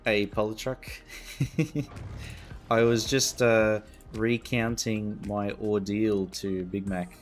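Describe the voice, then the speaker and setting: A man's voice: fairly low pitch, level tone, takes it slowly, faint music behind. A male streamer chatting casually while he plays, laid-back and self-mocking. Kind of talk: casual chat while playing a game.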